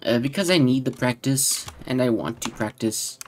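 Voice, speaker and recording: A man giving casual gameplay commentary in a deadpan tone that can sound sarcastic, with keyboard clicks behind him. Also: mid-range voice, moderate pace, a little hiss or hum. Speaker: gaming channel host.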